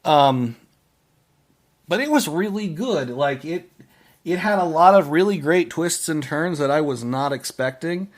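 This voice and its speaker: Slow, halting man reviewing movies. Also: a little high, animated. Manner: halting, with frequent restarts and trailing phrases. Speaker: podcast host.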